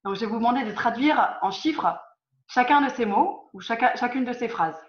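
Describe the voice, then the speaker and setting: A woman leads an online lesson on a video call, her voice sitting a little high. She quizzes her students patiently, often restarting or repeating a phrase. The sound is roomy and dull, like lo-fi call audio. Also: animated, normal speed. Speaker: teacher.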